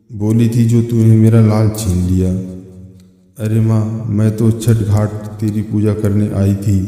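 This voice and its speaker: A man's voice: lowish voice, dark tone, natural voice. A man voicing a grieving, devout old mother who pleads and laments. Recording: echoey room with long reverb.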